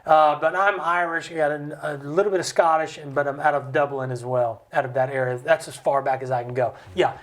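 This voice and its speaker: An American man speaking as a studio interview guest. He explains with passion and acts out other people's voices with big swings in pitch. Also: fairly even intonation, a little fast, few pauses. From United States. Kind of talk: impassioned conversational explanation. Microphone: studio mic.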